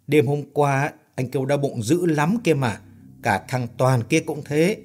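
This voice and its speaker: A man's voice: mid-range voice, measured pace, darkish tone, lightly acted. A man voicing a superstitious young man who earnestly explains ghost lore.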